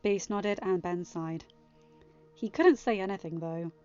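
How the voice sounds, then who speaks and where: Here a podfic host reads a story aloud and occasionally chats informally with listeners. She speaks in a clean, mid-range voice at a measured pace, over soft background music in a dry, somewhat muffled recording.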